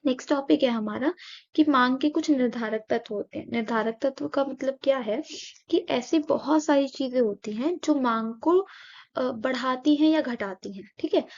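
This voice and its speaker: A woman's voice: sits high, moderate pace, a little mellow, lo-fi sound. A woman teaching an economics lesson, often asking rhetorical questions, answering them herself and checking in with her students. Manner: keeps checking in with "okay?".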